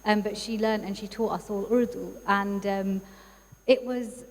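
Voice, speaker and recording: At a community event in a church hall, a thirtysomething psychologist from East London speaks as a guest about personal matters. Warm and chatty with frequent fillers, she uses a mid-range voice at a measured pace with fairly even intonation, and the recording is reverberant with faint background noise.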